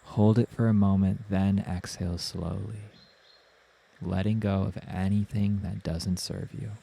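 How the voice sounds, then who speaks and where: A deep-voiced man guides a meditation slowly, his voice creaky, slightly rough, and barely moving in pitch. His narration is soothing and gentle, with unhurried instructions separated by long pauses.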